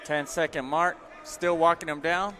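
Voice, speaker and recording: A man's voice: fairly high pitch, steady tone, moderate pace, fairly bright tone, slight background noise. A man co-commentating on boxing in a casual, agreeable way, affirming his partner and adding analysis. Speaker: former fighter. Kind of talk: casual live fight analysis.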